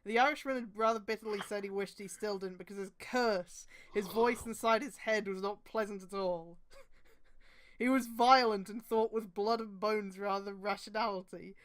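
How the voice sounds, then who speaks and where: A woman streamer reads fan fiction aloud with a mid-range, steady voice at normal speed. She mocks it with dramatic delivery and casual, profane, exasperated asides, often erupting into laughter and shouting.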